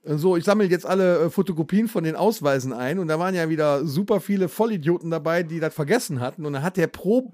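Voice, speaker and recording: A man with a notably high voice chatting on a podcast, close to the mic in a dry, dead room. He tells stories with crude, lively gusto and mocks people with quick impressions. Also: dry recording. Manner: crude, animated storytelling with mocking impressions. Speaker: podcast co-host. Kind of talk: casual chat.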